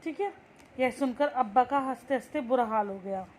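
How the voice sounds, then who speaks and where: A woman's voice: fairly high pitch, moderate pace, a little mellow, slight background noise. A young woman teacher reading a textbook story aloud and explaining each line in simple words. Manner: reads a line, then restates it in simple words.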